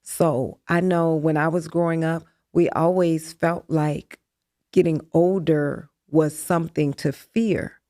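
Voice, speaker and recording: Woman in her fifties, deep-voiced, talks calm and measured, dry sound. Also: dry recording. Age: 50s. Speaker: interview guest. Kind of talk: candid interview chat.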